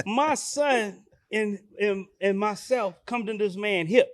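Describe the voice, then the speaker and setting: A man, a father and podcast co-host, telling a story in casual chat with lots of laughter and animated delivery. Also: high-pitched, takes it slowly.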